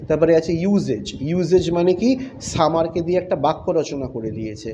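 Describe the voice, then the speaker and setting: Guy teacher walking little kids through a lesson, patient, asks then answers, mellow voice a bit high, slightly dull noisy recording. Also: lively intonation, fairly quick. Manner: patient, explains step by step and asks questions then answers them. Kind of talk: recorded English lesson for young students.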